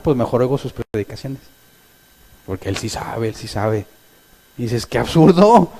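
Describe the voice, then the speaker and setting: A male pastor delivering a sermon, animated, acting out quoted voices of his congregation. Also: medium pitch.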